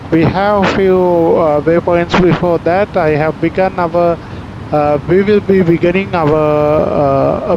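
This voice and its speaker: A man speaking as an airline captain, giving a formal, halting flight-crew announcement to passengers. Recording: dull muffled audio, loud aircraft cabin rumble.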